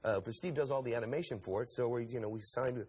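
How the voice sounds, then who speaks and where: A man's voice: mid-range voice, quick pace, husky. A man, a comedian and TV guest, chatting casually in a studio and rambling between jokes. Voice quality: lively, voice-switching, rambling. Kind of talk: casual interview chat.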